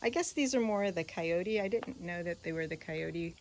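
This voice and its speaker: In this casual garden walk-through, a gardening vlogger wanders outdoors, musing about what is there and letting thoughts trail off as she rambles. She has a lowish, darkish voice with lively intonation at a normal speed, and faint insect and cricket noise surrounds her.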